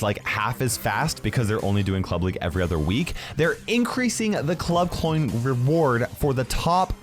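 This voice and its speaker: A man hosting a casual gaming news video, emphatic and conversational, often checking in with tag questions. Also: medium pitch.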